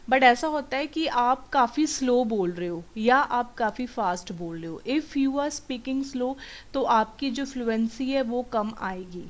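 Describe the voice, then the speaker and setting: A woman coaching students for an English test, explaining step by step as she switches between Hindi and English. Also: on the high side. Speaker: PTE exam coach. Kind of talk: teaching a test-prep lesson.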